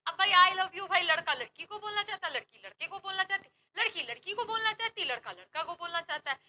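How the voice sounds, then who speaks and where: Young up-accent woman teacher, super high sharp voice, chatty and playful with her students. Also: lively intonation, fast talker, low-quality recording. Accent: Uttar Pradesh Hindi. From Uttar Pradesh, India. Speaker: online maths teacher. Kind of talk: lively online class, Hindi-English mix.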